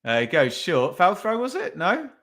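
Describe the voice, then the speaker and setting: A podcast host chats casually through a live watch-along of a football match, thinking out loud and tossing in tag questions. His voice sits high and a bit bright, swinging hugely in pitch at a normal speed.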